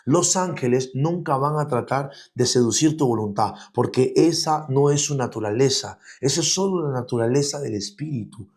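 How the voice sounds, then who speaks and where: A man's voice: medium pitch, normal speed, few pauses, darkish tone. A man preaching an online teaching sermon, speaking as an apostle to his audience. He is emphatic and keeps turning to his listeners with rhetorical questions. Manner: emphatic, repeats "escúchame bien".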